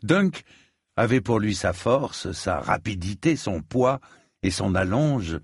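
A man narrating a fantasy audiobook in a measured storytelling manner. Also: lowish voice, big pitch swings, husky, no room sound, clean studio sound. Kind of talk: scripted narration.

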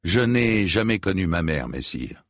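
A man's voice: deep voice, sing-song, a little slow, no echo, studio quality, heavily acted. A man voicing a big, earnest young hedge knight in a storybook reading, speaking plainly and bluntly.

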